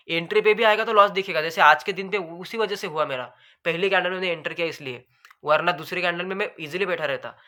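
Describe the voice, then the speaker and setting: A man explaining trading charts in a rapid, nonstop lesson, says his throat goes dry, calls viewers brother. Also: on the high side, sharp tone. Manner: fast, talks continuously without pause; addresses viewers as bhai sahab. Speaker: trading educator. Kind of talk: screen-share chart lesson.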